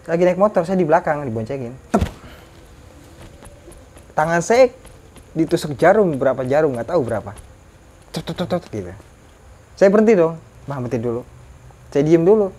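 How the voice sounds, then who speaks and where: A young man telling a ghost story to a host, animated and lively in pitch. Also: normal speed, long pauses, a little hiss or hum. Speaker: guest storyteller.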